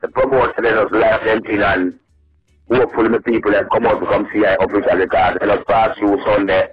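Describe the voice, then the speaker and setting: Man over the phone, lowish voice, muffled line, loose upbeat chatter. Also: steady tone, fairly quick, slightly rough, dry recording, faint music behind. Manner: loose, repetitive, upbeat patter with many "you know"s and "man"s. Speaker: reggae artist guest. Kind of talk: casual radio interview.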